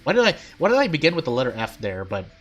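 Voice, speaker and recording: A man's voice: medium pitch, wildly swooping pitch, very fast, fairly bright tone. Man with overbite articulation, rambling over game music. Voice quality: slight lisp-like articulation from an overbite, teeth catching the lip. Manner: rambling, thinking aloud. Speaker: gaming streamer. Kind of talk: casual rambling game commentary.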